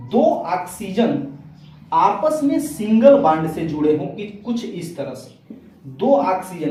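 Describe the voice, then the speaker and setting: A man's voice: high voice, mellow, a little hiss or hum. A male chemistry teacher gives a classroom lecture, asking and answering his own questions step by step. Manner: explains step by step, asks and answers his own questions, calls students beta. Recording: very echoey room, mic far off.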